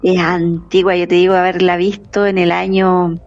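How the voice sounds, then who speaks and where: A woman's voice: on the low side, level tone, normal speed, lo-fi sound, soft background music. Reminiscing woman co-host. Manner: responsive, reminiscing. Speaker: podcast co-host. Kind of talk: casual podcast chat.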